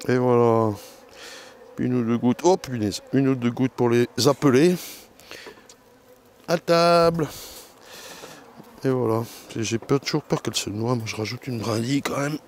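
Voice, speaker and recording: A man checking his beehives outdoors, chatting loudly and self-mockingly to a camera mic some distance away, in a joking put-on southern French twang. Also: medium pitch, fairly even intonation, normal speed, slight background noise. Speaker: beekeeper. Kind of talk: casual vlog while working. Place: outdoor apiary among hives. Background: faint buzzing of bees.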